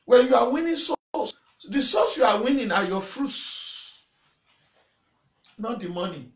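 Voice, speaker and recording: Forceful pastor, lively pitch. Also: male voice, measured pace. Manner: forceful preaching with repetition and sudden loud shouts; waves arms and gestures while preaching. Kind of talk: sermon to camera. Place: small indoor church room in front of a banner. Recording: echoey room.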